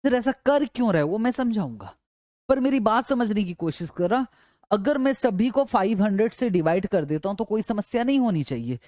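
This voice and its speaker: A man's voice: high voice, animated, brisk, darkish tone, dry recording. A male teacher lectures in a dry, close sound, walking through each step and coaxing his listeners along. He keeps repeating points and answers the questions he puts to the class himself. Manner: repetitive, coaxing.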